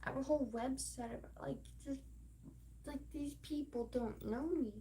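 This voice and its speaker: A woman's voice: sits high, fairly even intonation, moderate pace, dark tone, a little hiss or hum. A woman hosting a livestream, talking in a rambling, emphatic monologue full of swearing and fillers. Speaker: livestream host.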